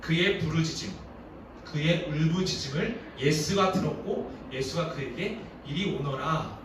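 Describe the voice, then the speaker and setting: A man who is a youth pastor, preaching a storytelling sermon in a lively manner and acting out the quotes, recorded from a distance in a very echoey church. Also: on the high side, normal speed. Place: church sanctuary. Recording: very echoey hall, distant mic, faint noise.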